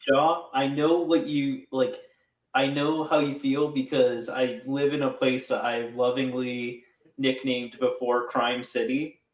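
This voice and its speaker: A man's voice: mid-range voice, level tone, measured pace. A man chatting casually with friends in a jokey, storytelling way. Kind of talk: casual group chat. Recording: roomy, distant from the mic.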